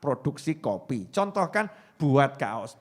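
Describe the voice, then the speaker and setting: A middle-aged man with a Javanese accent preaching a sermon, animated and jokey, acting out the people he quotes. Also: mid-range voice, slow, long reverb tail.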